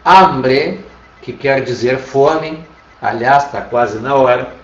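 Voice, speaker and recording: Speaking slowly in a mid-range voice, a Brazilian Portuguese-accented man leads an online Spanish class and keeps patiently asking "tá?" to check students are following. The audio sounds roomy, distant, dull and lo-fi.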